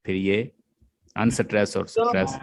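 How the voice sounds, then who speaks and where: A male literature teacher lectures his class, explaining step by step, chanting stress beats aloud, and often checking that students follow. His voice is on the low side, with huge pitch swings and an unhurried delivery.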